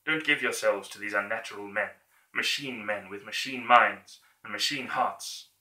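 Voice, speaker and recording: In an echoey room, a man with a lowish, pushed, bright voice plays an earnest, humble orator giving a theatrical dictator speech at normal speed. He declaims with emphatic repeated phrases, building to a fervent, rousing exhortation.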